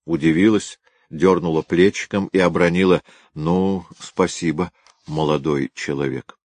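A brisk young field detective, matter-of-fact, pitched higher than the reader's own low voice, as a male narrator voices him. Dry close-miked reading. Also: steady tone, darkish tone, dry recording. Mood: reporting.

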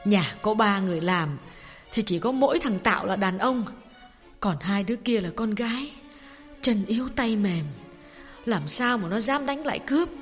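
A woman's voice: medium pitch, lively intonation, moderate pace, close to an everyday voice. A woman voicing a sorrowful middle-aged mother recounting a family tragedy in an audio story. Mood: grieving. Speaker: audiobook voice actor. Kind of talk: audiobook drama reading. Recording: long reverb with faint music.

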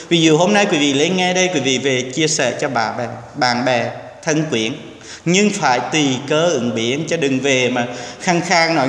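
A man's voice: a little high, fairly bright tone. A man, a Buddhist monk, giving an earnest, exhorting sermon to a temple congregation, now and then dropping in English words. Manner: earnest, exhorting, acts out quoted speech. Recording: echoey hall with long reverb.

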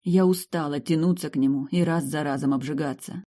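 A woman reading a first-person romance fantasy novel aloud as an audiobook narrator, with lively shifts in tone. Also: low voice, a little fast. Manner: lively, sharp tone shifts between quips and narration.

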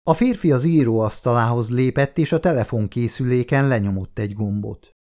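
A man from Hungary reading an audiobook in calm, steady scripted narration. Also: medium pitch.

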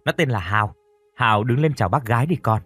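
A man's voice: medium pitch, lively intonation, quick pace, fairly bright tone, slightly rough, soft background music. A man playing a humble, earnest father who speaks politely and deferentially.

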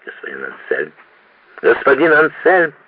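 A man voicing an agitated, pedantic older schoolmaster who shouts indignantly, heard on a tinny old radio recording. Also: on the low side, sing-song, takes it slowly, creaky, husky, dry recording, full character voice.

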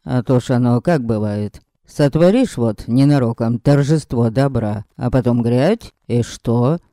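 A man doing a sly teasing young man, pitched low. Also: measured pace, warm tone, dry recording, studio quality, close to an everyday voice. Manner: ironic, mocking drawl.

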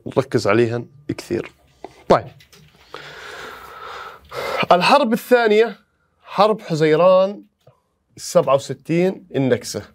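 A man with a fairly high-pitched voice leads a history exam review, animated and playful as he fires rhetorical questions at his students.

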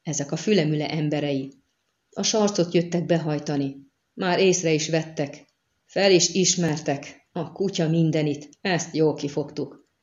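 A woman's voice: sits low, a little mellow, dull audio, natural voice. A woman voicing a bold, blunt young female bandit giving orders, read in a storybook. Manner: blunt, commanding.

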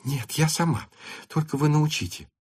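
A man voicing an excitable teenage girl. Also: moderate pace, breathy edge, no echo, clean studio sound. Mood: pleading. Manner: high, breathless, insistent.

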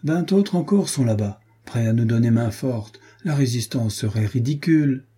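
A man's voice: medium pitch, lively intonation, moderate pace, warm tone, breathy edge. A man voicing a boastful, swaggering mercenary captain who makes mocking threats, in an audiobook. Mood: scornful.

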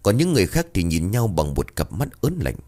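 Male narrator for a ghost story, deep and animated, building suspense. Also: brisk.

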